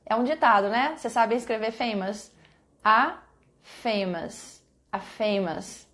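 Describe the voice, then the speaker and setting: A woman teaching English to Brazilian students in a live online class. Her voice sits somewhat high, and she patiently repeats each example slowly, praising her students by name as they answer. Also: fairly bright tone.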